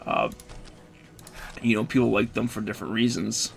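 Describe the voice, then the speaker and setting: A man's voice: lowish voice, lively intonation, normal speed, creaky, faint music behind. A man giving casual, rambling, self-deprecating commentary as he plays a video game. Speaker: gamer, video host. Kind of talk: casual let's-play commentary.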